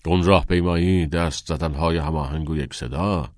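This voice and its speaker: A man's voice: very deep voice, fairly even intonation, a little mellow, no echo, clean studio sound, pitched below the performer's own voice. A man voicing an older male headmaster who speaks firmly and condescendingly. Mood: stern. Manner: firm, condescending.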